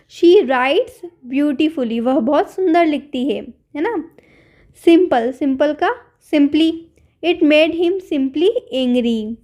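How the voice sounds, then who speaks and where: High-voiced woman teaching English vocabulary. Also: mellow. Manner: explains patiently, repeats each word then its meaning. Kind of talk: Hindi-medium English grammar lesson.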